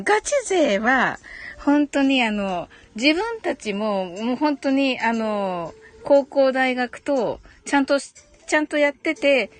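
On her live audio stream, a woman with a slightly high voice chats politely and informally, going through comments and replying to them. She hums in agreement and giggles frequently.

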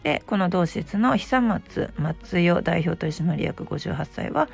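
A middle-aged woman with a very gravelly, just-woken hoarse voice, pitched on the low side. She hosts a casual solo talk with a chatty, self-deprecating manner. Faint music plays behind her. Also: lively intonation, a little slow. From Osaka, Japan. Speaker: host, aromatherapy shop presenter.

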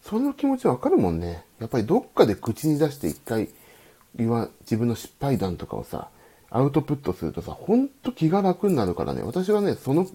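Husky, lively-voiced man hosting late-night radio. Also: medium pitch, fairly quick. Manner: rambling, reads listener comments aloud and answers them. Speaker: host of a live diet radio stream. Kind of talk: late-night solo live radio chat.

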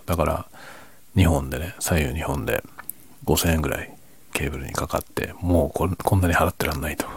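A man chatting casually and quietly late at night, half whispering as if others in the house are asleep. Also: very deep voice, husky, no echo. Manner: speaks quietly, half whispering, so as not to wake sleeping family. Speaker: host of a late-night audio chat. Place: at home at night. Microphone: microphone without windscreen, slightly backed away.

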